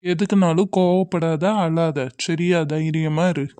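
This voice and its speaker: A reserved young man in a homemade cartoon, voiced by a woman, calm and caring. The voice sits low and mellow, recorded dry with no room sound. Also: unhurried, dry recording. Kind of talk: amateur cartoon voice acting.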